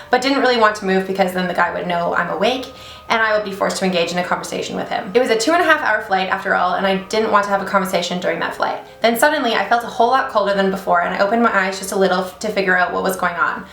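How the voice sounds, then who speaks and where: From a small home office, a young woman who hosts a beauty channel reads a story aloud in a quick, chatty vlog style, often stopping for blunt, swearing reactions and asides. Her mid-range voice is a bit bright, and the room echo is noticeable.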